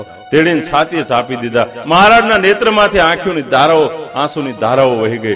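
Man telling a devotional story. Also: medium pitch. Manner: dramatic, voices characters in the story. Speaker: preacher. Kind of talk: devotional storytelling sermon with sung hymn. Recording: clear music behind.

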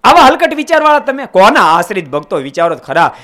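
A man preaching a sermon, scolding his listeners with passion and swinging from loud outbursts to hushed asides. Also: high-pitched, big pitch swings, a little fast.

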